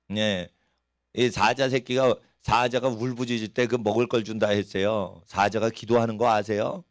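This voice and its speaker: A man's voice: medium pitch, clear, resonant tone, dry recording, studio quality. A middle-aged man preaching a sermon in a church, folksy and storytelling, acting out little voices of people and animals as he goes. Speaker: pastor.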